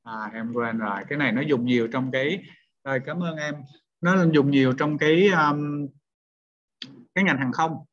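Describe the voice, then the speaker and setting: A man's voice: a little high, normal speed. A male teacher, lecturing a class and questioning students one by one. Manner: questioning students, repeats points. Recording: dull lo-fi sound.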